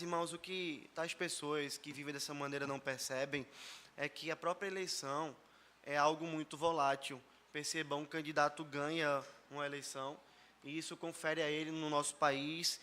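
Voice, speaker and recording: A man with a Brazilian Portuguese accent, a pastor preaching a sermon, hoarse after a flu, speaking earnestly and directly to his congregation. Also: a little high, fairly even intonation, normal speed, pushed and bright. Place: church service.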